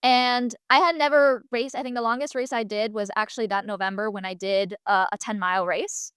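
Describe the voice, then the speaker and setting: A woman in her twenties, raised in Italy and Spain but speaking with an American accent, appears as a podcast guest and marathon runner, chatting casually about her story with quoted asides. Her voice sits on the high side, steady, fairly quick, and fairly bright. The sound is smooth, echo-free, and studio quality.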